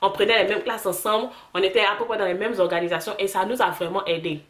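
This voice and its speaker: A woman's voice: medium pitch, fast, reverberant. A young woman with an Ivorian French accent, chatting casually to camera and mixing in English words. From Ivory Coast. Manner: animated, restarts and mixes in English words. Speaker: vlogger.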